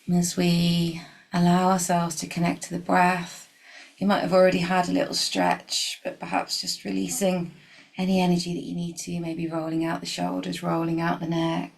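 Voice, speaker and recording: In a rough recording, a woman gently leads a guided meditation at an unhurried pace, with long pauses and moments that drop into a breathy whisper. Her voice is lowish and her tone steady.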